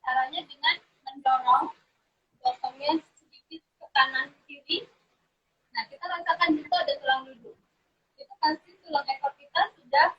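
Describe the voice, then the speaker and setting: A woman yoga teacher patiently explaining step by step, her audio breaking up on a choppy live connection. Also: sits high. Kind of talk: explaining on a live video chat. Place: seated on a yoga mat. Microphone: phone on a live video stream. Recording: dull lo-fi live stream audio.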